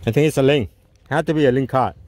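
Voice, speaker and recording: A middle-aged man hosting a fishing channel, chatting excitedly in simple, broken English from a small open boat at sea, filmed on an action camera. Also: mid-range voice, quick pace. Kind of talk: casual excited narration while fishing. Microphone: handheld or mounted action camera.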